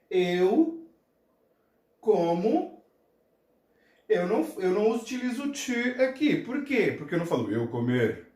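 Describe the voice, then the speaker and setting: Slow, animated male teacher in echoey room. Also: high-pitched. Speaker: English teacher. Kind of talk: classroom lesson. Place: classroom with a board.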